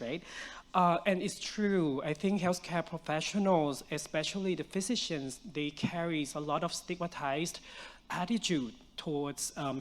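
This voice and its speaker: A young adult man, a physician on a conference panel, talking with a stuffy, nasal voice in an earnest, explanatory way with many fillers. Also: on the high side. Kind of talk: panel discussion answer. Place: conference stage.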